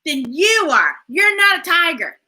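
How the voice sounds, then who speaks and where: A woman's voice: extremely high pitch, sing-song, unhurried, sharp tone, exaggerated voice. A woman voicing a doubting animal who scolds a boastful mouse in a storybook read-aloud. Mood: skeptical. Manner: scolding, skeptical.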